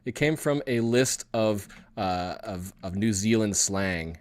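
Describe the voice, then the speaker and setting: A man's voice: on the low side, lively intonation, slow. A man with a Canadian accent hosting a casual livestream chat, jovial and often chuckling as he talks. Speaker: livestream host.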